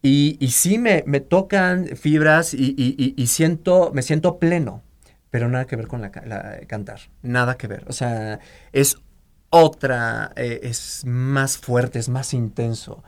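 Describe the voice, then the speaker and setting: A man chats as an interview guest. He tells stories with lots of fillers, restarts and quoted asides. The pitch stays in a middle range. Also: slow pace. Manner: animated storytelling with many fillers and restarts. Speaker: guest, singer and designer. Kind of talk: casual interview chat.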